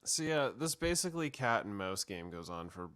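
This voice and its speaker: Low, smooth-voiced man recapping casually. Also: sing-song, moderate pace, a bit bright. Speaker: podcast host.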